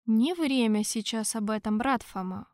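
Woman voicing a soft-spoken old pope. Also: on the high side, moderate pace, no echo, studio quality, close to an everyday voice. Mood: calm. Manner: soft, mild.

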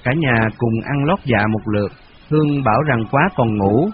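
A man's voice: mid-range voice, normal speed. Man narrating a novel on lo-fi radio. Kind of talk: audiobook novel reading. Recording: dull lo-fi radio recording with faint hiss.

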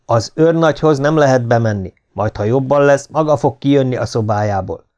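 A man's voice: mid-range voice, a little mellow, pitched above the performer's own voice, natural voice. A man reading an audiobook voices a resolute army doctor who speaks firmly and commandingly. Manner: firm and commanding.

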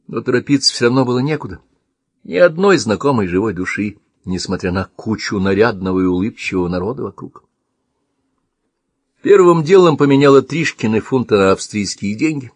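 A man narrating an audiobook in a measured, expressive reading. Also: on the low side, dry recording.

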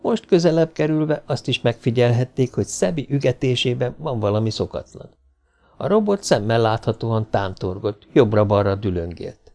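Male audiobook narrator, mid-range, gravelly, measured pace. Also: mid-range voice. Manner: steady, measured storytelling. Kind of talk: audiobook reading of science fiction.

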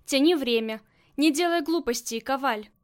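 A woman reading as a rough, crude gangster man who talks bluntly in slang, in a high voice. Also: moderate pace, natural voice. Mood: lecturing.

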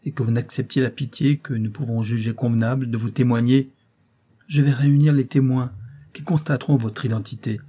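A stern young gentleman laying out a grave, measured accusation, as a male reader plays him. His tone is dark and mellow, a little husky. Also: mid-range voice, fairly even intonation, natural voice. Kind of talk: audiobook reading.

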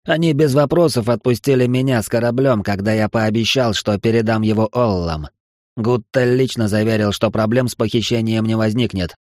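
A man's voice: lowish voice, darkish tone, no room sound, studio quality, lightly acted. A man voicing a bitter, spiteful alien male outlaw with tail spikes, speaking in a sneering, mocking way for an audiobook. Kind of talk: audiobook character voice.

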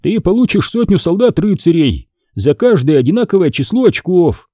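A man reading an audiobook, voicing a confident boy who explains game rules in a low, mysterious and impatient way. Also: big pitch swings, normal speed, mellow, no room sound, studio quality. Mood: instructing. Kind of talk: audiobook character voice.

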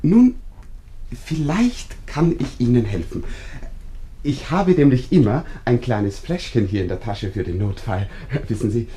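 Actor playing a fussy, overpolite village neighbor. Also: male voice, mid-range voice, animated, measured pace, mellow, slight background noise, close to an everyday voice. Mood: ingratiating. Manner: effusive, ingratiating, rambling politeness. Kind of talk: 1950s-style radio drama acting.

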